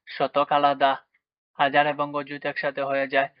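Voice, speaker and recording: A man's voice: medium pitch, monotone, normal speed, clear, resonant tone, dry recording. A man teaching a maths lesson to children at a board, asking questions and answering them himself. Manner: asks questions and answers them himself, with frequent check-ins. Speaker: math teacher. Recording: dry, dull lo-fi sound.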